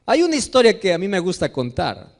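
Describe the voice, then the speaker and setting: High-voiced, animated male pastor preaching. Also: a little fast. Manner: preaches to a congregation, asks them questions; acts out quoted voices in a raised pitch. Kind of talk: sermon.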